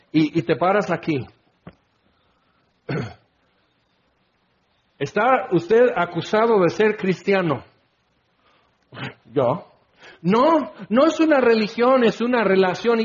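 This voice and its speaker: Predicador masculino de voz aguda, enérgico, que imita voces en su sermón; sonido apagado. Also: male voice, high voice, lo-fi sound. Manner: animated, acts out quoted voices, shouts exclamations. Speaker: preacher. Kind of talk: sermon.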